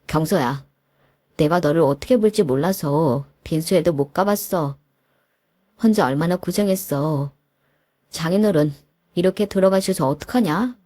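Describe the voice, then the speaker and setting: Wheedling, groveling husband acted by a woman narrator, lowish dry voice. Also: normal speed, mellow, no room sound. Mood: pleading. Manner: pleading, wheedling. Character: groveling two-faced husband.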